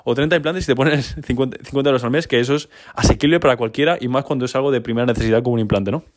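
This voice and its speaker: Fast-talking young Spanish man. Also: mid-range voice, a little hiss or hum. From Spain. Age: 20s. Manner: fast, chatty, informal, with frequent tag questions. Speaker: podcast host. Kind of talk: casual business podcast monologue.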